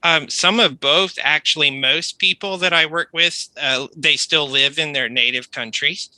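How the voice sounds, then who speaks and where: An American man, an accent coach, explaining things in a measured, polite conversational way. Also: a little high, pushed and bright, dry recording, rough recording. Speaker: accent coach, online tutor.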